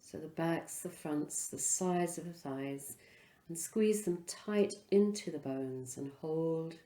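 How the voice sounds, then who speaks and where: A yoga instructor leads a guided relaxation in a low, warm voice, speaking unhurriedly and soothingly with pauses between phrases. The sound is roomy.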